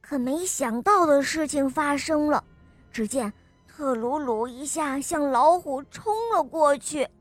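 Gentle woman reading a children's story. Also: sits high, measured pace, soft background music. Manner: gentle, expressive, addresses kids directly.

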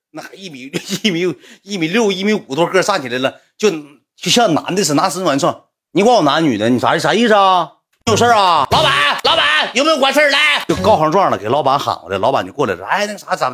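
Man, Northeastern Mandarin accent, fast talker, animated, blunt casual anecdote. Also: on the high side, breathy edge, soft background music. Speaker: storyteller.

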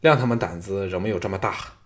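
A male audiobook narrator voicing a cunning, confident male strategist who speaks in a quiet, conspiratorial way. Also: low-pitched, fast, voice pushed down, lightly acted. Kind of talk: audiobook character reading.

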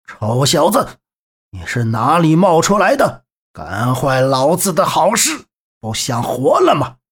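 A man voicing a greedy male bandit chief in an audiobook, drawling slow and sneering. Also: a little high, wildly swooping pitch, fairly bright tone, husky, exaggerated voice. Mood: menacing.

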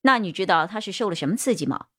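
A woman voicing a stern police detective who questions firmly and briskly. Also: mid-range voice, expressive, a bit bright, slightly rough.

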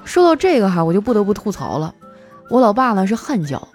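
Chatty woman telling office stories, mellow voice, bouncy pitch, faint music behind. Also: sing-song, a little fast. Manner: chatty, playful, acts out quoted coworkers. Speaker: host. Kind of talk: comic storytelling monologue.

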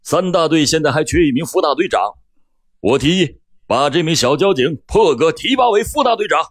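Man doing a middle-aged police boss making a big speech, husky, dry sound. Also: medium pitch, big pitch swings, normal speed, dry recording. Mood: rousing. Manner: speechmaking, emphatic. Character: middle-aged male police bureau chief, formal.

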